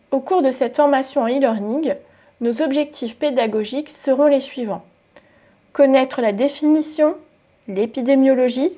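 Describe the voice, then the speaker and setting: A woman presenting a medical e-learning course in scripted narration, with a measured delivery that runs through lists. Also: sits high, mellow.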